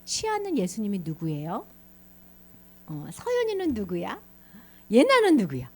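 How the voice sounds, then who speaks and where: A woman's voice: medium pitch, a little slow. A woman pastor giving a children's sermon, asking the kids questions as she tells the story. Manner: animated, quizzes the children.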